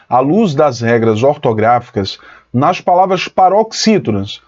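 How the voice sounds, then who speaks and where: Man, online teacher, higher voice, muffled lo-fi audio. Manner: lively, explanatory, addresses students as "pessoal". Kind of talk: online exam-prep lesson.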